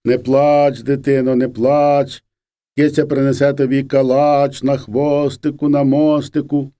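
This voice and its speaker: A man's voice: medium pitch, animated, brisk, a little mellow, natural voice. A man voicing a teasing peasant farmhand who coaxes a crying child. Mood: soothing, sly. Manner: coaxing, teasing. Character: good-humored peasant mowing hand, playful joker.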